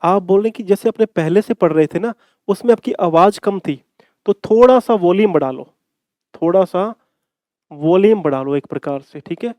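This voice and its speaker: A man's voice: high voice, moderate pace, a little mellow, no room sound. A man teaching an exam-prep English grammar lesson, repeating key phrases and answering his own questions. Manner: calls students "bhai".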